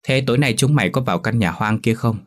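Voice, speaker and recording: A man's voice: medium pitch, fast talker, voice pushed up, close to an everyday voice. Man voicing a sulky young village guy. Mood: coaxing.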